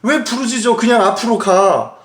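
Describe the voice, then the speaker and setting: A man's voice: very high-pitched, moderate pace, a bit bright, pitched above the performer's own voice. A man voicing God as a firm, reassuring commander in a retold Bible story, recorded in an echoey room. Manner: firm, commanding, plain words.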